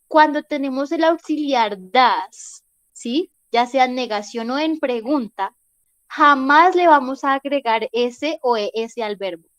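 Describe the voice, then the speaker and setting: A woman leads an online English class, explaining grammar patiently and pausing to check that students follow. Her voice sits high, and the sound is dry and close. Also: no echo. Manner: patient, checks in often with "¿sí?" and "¿listo?". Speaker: English teacher.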